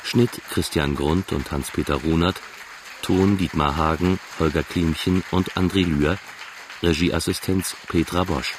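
Male announcer, very low, formal credits read; noisy live audience. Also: fairly even intonation, a little slow. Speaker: radio announcer. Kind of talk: closing credits.

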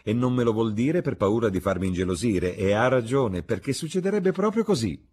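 A chattering elderly society hostess, voiced by a man, her husky voice pushed high and loud. She gushes and swoops theatrically, teasing her guests without pause. It is told like a storybook read aloud. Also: big pitch swings. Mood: gossipy. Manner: shrill, gushing, theatrical.

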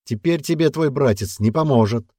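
A man's voice: medium pitch, moderate pace, mellow, no echo, studio quality, pitched above the performer's own voice, natural voice. A man voicing a sneering boy bully who mocks and taunts in a raised voice. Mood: mocking. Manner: mocking, taunting.

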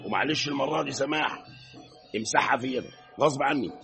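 A man's voice: medium pitch, quick pace, creaky, sharp tone, faint music behind. An actor with an Egyptian accent playing a harried father of many daughters in a classic radio play, pleading and fussing. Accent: Egyptian Arabic. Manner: pleading, apologetic, then fussing.

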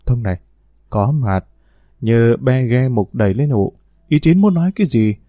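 A man's voice: mid-range voice, lively intonation, normal speed, warm tone, no echo, lightly acted. A man voicing a flirtatious, haughty wealthy woman, coquettish with her lover and cold to her servant.

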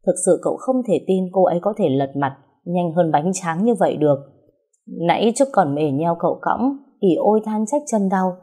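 A woman narrating a story in a steady, even way. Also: lowish voice, moderate pace, husky.

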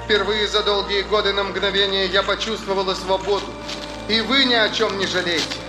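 A man voicing a frightened young woman trapped in a capsule, speaking quietly and tremulously through a muffled speaker. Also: sits high, steady tone, fairly quick, pitched above the performer's own voice. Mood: trembling. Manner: trembling, breathy, quiet. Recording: roomy echoey hall with loud music.

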